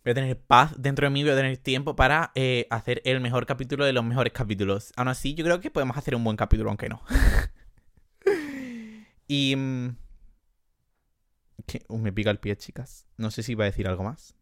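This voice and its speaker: A man's voice: mid-range voice, fairly quick, fairly bright tone, dry recording, clean studio sound. A young man hosting his own podcast, chatting casually and rambling on his own, sometimes self-deprecating, stressed by his exams. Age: young adult. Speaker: podcast host. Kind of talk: casual solo chat.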